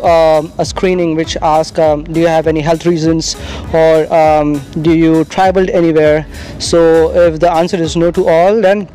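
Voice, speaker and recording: A man vlogging casually to a handheld camera, upbeat and halting, with frequent filler sounds. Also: on the high side, darkish tone. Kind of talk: casual vlog talk to camera. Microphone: handheld camera mic.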